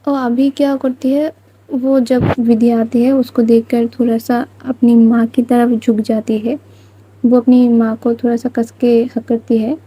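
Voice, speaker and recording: A woman's voice: a little high, level tone, measured pace, dark tone, a little hiss or hum, rough recording. A woman narrating a love story in a plain, rambling retelling style.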